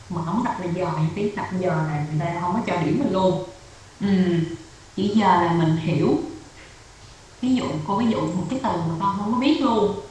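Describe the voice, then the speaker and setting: A woman tutor with a Vietnamese accent teaches a child English on a video call, repeating words and explaining each point patiently. Her voice sits mid-pitch. The call sounds very echoey, with faint hiss behind. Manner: patient, repeats and explains step by step, code-switches with English drills. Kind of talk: online English lesson for a child. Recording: echoey room, faint noise.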